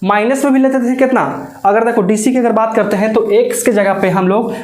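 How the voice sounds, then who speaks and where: Echoey maths teacher. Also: male voice, high voice, fairly even intonation, fairly quick, a little mellow. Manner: chatty, keeps asking if students follow. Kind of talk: classroom coaching lecture. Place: classroom. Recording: echoey classroom.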